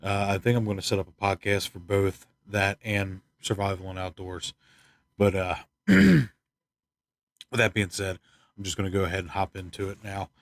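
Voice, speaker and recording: A man from the United States giving rambling, opinionated news commentary, tired and stuffed up, clearing his throat often. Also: sits low, level tone, brisk, fairly bright tone, no room sound, clean studio sound. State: congested, stuffed up. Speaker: channel host. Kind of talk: casual news commentary vlog.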